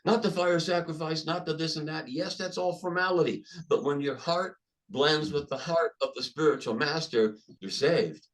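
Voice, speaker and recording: An older man, a podcast guest, speaking emphatically and telling stories with animated restarts. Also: fairly high pitch, moderate pace, poor audio. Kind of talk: conversational interview storytelling.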